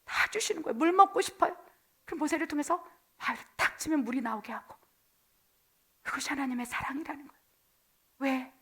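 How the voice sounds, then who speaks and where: A woman missionary pastor preaching a sermon, swinging from loud passages to near-whispers. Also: high voice, fast, pauses often. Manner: acts out quoted voices.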